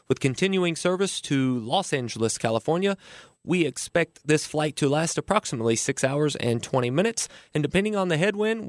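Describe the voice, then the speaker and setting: A man's voice: on the high side, dry recording, lightly acted. A man putting on an airline captain's cabin announcement. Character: male airline captain making an onboard announcement. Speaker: financial advisor hosting a radio show.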